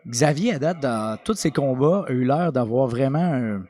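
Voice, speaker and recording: A man's voice: mid-range voice, animated, moderate pace, warm tone. A man with a Quebec French accent giving live grappling commentary as a co-commentator. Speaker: combat sports co-commentator.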